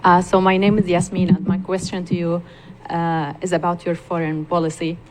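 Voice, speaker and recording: A woman's voice: on the low side, flat delivery, normal speed, darkish tone, low-quality recording. A woman from Palestine asking a candidate a question from the audience, hesitant, with fillers. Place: event room with audience. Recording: faint room noise.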